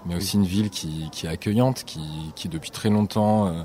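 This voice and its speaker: A man, a guest on a radio show, explaining an event in a measured, informative way. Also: lowish voice, warm tone. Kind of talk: radio interview.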